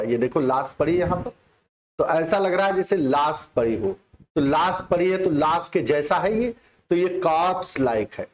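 A man teaching English vocabulary in a chatty, repetitive online exam-prep lesson. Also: a little high. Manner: explains in Hindi mixing English terms, chatty and repetitive.

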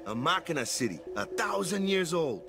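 A man's voice: fairly high pitch, very animated, moderate pace, vocal fry. An actor playing a cheerful young male island athlete who tags "yeah?" onto his sentences, with game music behind. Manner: easygoing, ends sentences with "yeah?".

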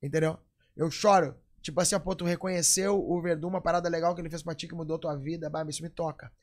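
Speaking quickly in a fairly high, slightly mellow voice with fairly even intonation, this man in his forties chats casually as a podcast guest. He's a jiu-jitsu coach from Porto Alegre with a southern Brazilian Gaúcho accent, emphatic and somewhat preachy, voicing the people he quotes.

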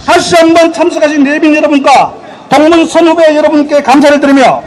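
A man doing booming, projected announcements at an outdoor event. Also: fairly even intonation, a little fast. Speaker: event speaker and prize announcer. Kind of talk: public address at an outdoor event, calling out speech and raffle numbers. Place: outdoor school sports ground. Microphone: stage PA, picked up by distant camera. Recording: distant outdoor loudspeaker, crowd noise.

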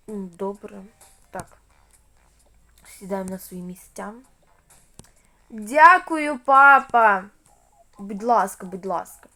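A woman voicing every part of a toy game role-play, speaking softly as she switches between cashier, parent and child. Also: fairly high pitch. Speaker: channel host playing all parts.

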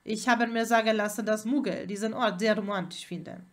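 A woman reading the lines of a polite, calm young male wizard in a fan fiction audiobook. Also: mid-range voice, a little fast, natural voice. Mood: gentle, polite. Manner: courteous, calm.

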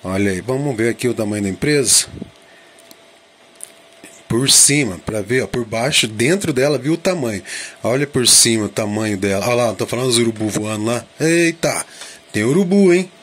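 A man's voice: medium pitch, expressive, normal speed, fairly bright tone. A man giving casual drone vlog commentary, thinking aloud and asking himself questions in an informal way. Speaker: drone vlogger.

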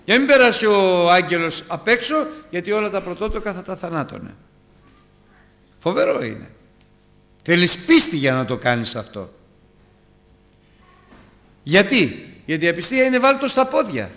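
A man preaching a sermon to his congregation, calling them brothers and moving between loud urgent appeals and hushed asides. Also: very animated, pauses often. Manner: dramatic, rises and drops sharply in pitch and loudness; addresses listeners as brothers.

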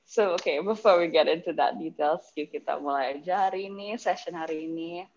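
A woman's voice: lowish voice, brisk, darkish tone. A young woman with an Indonesian accent hosts an online event casually and chattily, talking through a face mask. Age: young adult. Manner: informal, code-switching chatty delivery. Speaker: host of an online workshop. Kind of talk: casual bilingual event hosting. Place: public area, on a video call. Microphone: video call, masked mouth. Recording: dull, muffled video call audio.

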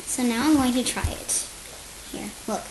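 Female home-video host, high voice, chatty and hesitant, noisy table-top camera sound. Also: normal speed, darkish tone. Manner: chatty, hesitant with frequent ums. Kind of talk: casual unscripted demonstration. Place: home, at a kitchen table indoors.

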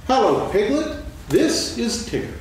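A man reading the part of a kind, simple bear in a staged reading of a children's play, in an earnest, gently flustered manner. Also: very high-pitched, sing-song, a little slow, full character voice. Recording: echoey stage, distant mic, background noise.

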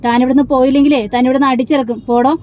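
A woman's voice: sits high, little pitch movement, very fast, darkish tone, close to an everyday voice. A woman voicing a stern, dismissive male police inspector who orders people out. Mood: harsh. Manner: harsh, ordering.

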